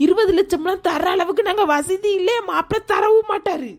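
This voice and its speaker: A woman's voice: extremely high pitch, brisk. A woman voicing a panicky middle-aged village mother-in-law, wailing and scolding her kidnappers. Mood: fretful. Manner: wailing, scolding, rambling complaints.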